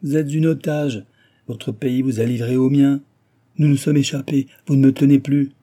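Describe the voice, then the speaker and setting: A man's voice: medium pitch, steady tone, moderate pace, dark tone, pitched above the performer's own voice, natural voice. A man voicing a frightened but defiant young woman, indignant and crying out in terror.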